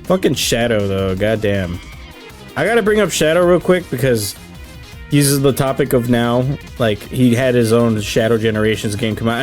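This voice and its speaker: A man's voice: mid-range voice, darkish tone. Slangy male host over music. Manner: slangy, swearing, short emphatic phrases. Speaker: host reading questions. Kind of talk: casual chat.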